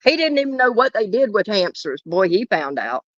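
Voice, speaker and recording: A woman's voice: mid-range voice, big pitch swings, normal speed. A woman co-hosting a livestream in casual gossip commentary, snarky and teasing, laughing at her own jokes. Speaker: livestream co-host. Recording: dull dry lo-fi stream audio.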